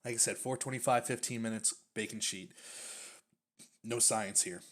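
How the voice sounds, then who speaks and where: A man's voice: on the low side, steady tone, normal speed, fairly bright tone. A man casually reviewing snack foods on his stream, chatty and full of fillers, sometimes talking with his mouth full. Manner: chatty, uses many fillers, talks while chewing.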